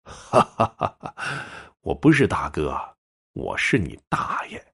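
A man voicing a young male ghost scholar who speaks softly with calm amusement. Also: extremely low pitch, unhurried, creaky, husky, pitched below the performer's own voice, full character voice. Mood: teasing calm. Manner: soft, hushed and amused.

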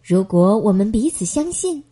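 A woman reading a children's bedtime story aloud in a gentle, expressive manner. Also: medium pitch, normal speed, husky.

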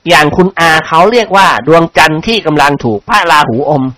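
A man's voice: fairly high pitch, animated, fast, pushed and bright, dry recording. A man voicing a cheeky, wisecracking rich young man.

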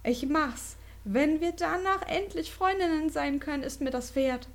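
Brief: woman doing a shy, anxious schoolgirl in a spooky story, pitched high and pleading. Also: a little slow. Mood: resolute. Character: timid, pleading young schoolgirl.

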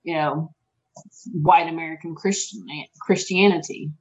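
A woman's voice: low-pitched, steady tone, a little slow, highs cut off. A woman co-hosting a casual podcast, talking things through reflectively with many restarts. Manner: reflective, with frequent restarts and fillers. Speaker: podcast co-host.

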